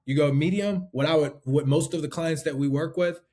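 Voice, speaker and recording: A man's voice: fairly high pitch, fairly quick, mellow. A man teaching life insurance sales in a loose, conversational way, full of fillers and tag questions. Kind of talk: casual instructional talk.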